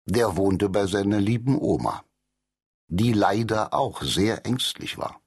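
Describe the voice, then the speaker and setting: Guy reading a kids' story, takes it slow, kinda husky, voices all the characters. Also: fairly low pitch. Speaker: audiobook narrator. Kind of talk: children's storybook narration.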